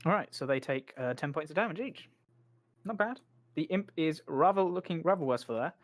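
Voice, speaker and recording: A man's voice: a little high, animated, brisk. A man running a tabletop game as game master, thinking aloud over the rules with plenty of "uh"s. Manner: thinks aloud while reading rules, many fillers.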